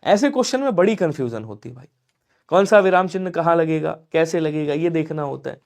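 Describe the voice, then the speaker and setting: A man teaching an exam-prep Hindi lesson, working through questions and answering for his students in an animated way. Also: fairly high pitch, brisk, vocal fry. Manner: animated, chanting examples and answering for the class; talks to viewers directly with tag questions.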